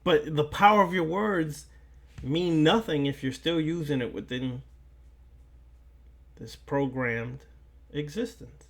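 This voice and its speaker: A man lecturing on the occult sounds like a preacher, his slightly high voice carrying a fairly bright tone. He measures out halting, deliberate phrases with long pauses, repeating important lines to stress them.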